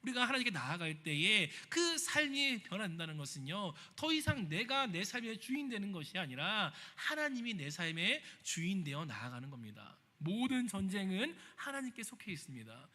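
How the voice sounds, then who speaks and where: Male pastor, sermon delivery, very lively swinging pitch, church reverb. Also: normal speed, hardly any pauses. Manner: lively preaching, acting out quoted voices and asking the congregation questions. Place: church sanctuary.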